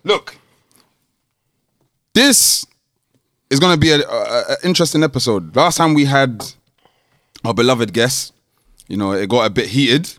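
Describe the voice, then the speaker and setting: Lively London roadman, swooping pitch. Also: measured pace, pauses often, no room sound, studio quality. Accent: London, urban street slang. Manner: heavy London roadman slang. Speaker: podcast co-host. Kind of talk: casual bantering chat in London roadman slang.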